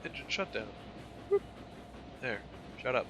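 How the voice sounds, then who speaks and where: A man giving casual game commentary, rambling and thinking aloud, with train engines rumbling behind him. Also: huge pitch swings, measured pace, over music. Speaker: gamer showing a train simulator. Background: loud train simulator engine noise.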